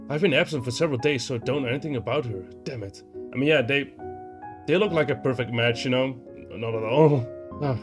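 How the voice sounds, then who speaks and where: A young man playing an indie horror visual novel, reading its text aloud and reacting in an animated way, swearing and saying "like" a lot. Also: medium pitch. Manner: animated, swears, heavy use of "like".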